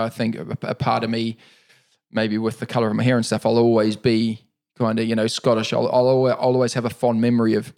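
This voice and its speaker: A middle-aged man with a New Zealand accent, talking casually in an interview, relaxed and rambling with fillers and restarts. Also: medium pitch, gravelly. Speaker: interviewee, para-cyclist.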